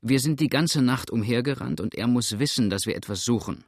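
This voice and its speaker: A man voicing a sharp-eyed male hunter in an audiobook, speaking in a pointed, commanding way. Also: mid-range voice, brisk, no room sound, clean studio sound, close to an everyday voice. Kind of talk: audiobook character reading.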